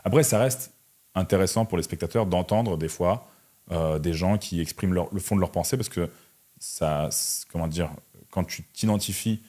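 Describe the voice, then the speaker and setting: Here a young Russian man in his twenties, an entrepreneur who also creates online content, chats through interview answers. His voice is very low and warm, his pace moderate, and he explains himself informally with slang and conversational tags.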